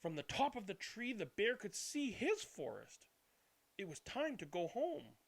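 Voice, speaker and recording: A male storyteller who hosts a channel gives an expressive read-aloud of a children's picture book, then chats casually. His slightly high, creaky voice swings hugely in pitch at a measured pace, leaning dramatic as he stretches some words and hushes others.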